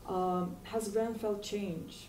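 A woman's voice: medium pitch, steady tone, takes it slowly, a little mellow, slight background noise. A woman in her forties gives a hesitant academic panel response, full of fillers and restarts, in a university seminar room. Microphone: far room mic. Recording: echoey room from far off.

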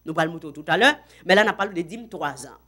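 A woman with a Haitian accent teaching a Bible lesson, reading verses out slowly and loudly, then dropping into quick, quiet asides. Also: fairly low pitch, expressive, slightly rough.

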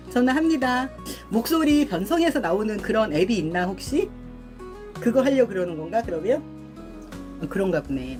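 A middle-aged woman hosts a casual live stream, talking loosely to her viewers with a lively, swooping pitch. She laughs easily and clears her throat often between remarks. Music plays clearly in the background. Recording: music playing behind.

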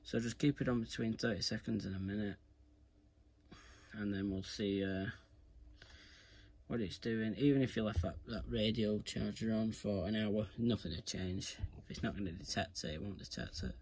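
A video creator with a darkish voice on the low side talks at normal speed while giving a hands-on tutorial. Informal throughout, he addresses his viewers as "guys"; the setting is a carpeted indoor room, and handling clicks and clear background noise are audible.

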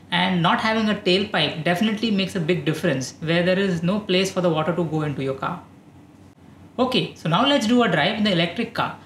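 Indian english guy in his 30s hosting an explainer, calm and steady, bit of room echo. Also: high voice, slight background noise. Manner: calm, informative, steady delivery. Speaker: EV channel host. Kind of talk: explainer talking to camera. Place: dark studio, indoors.

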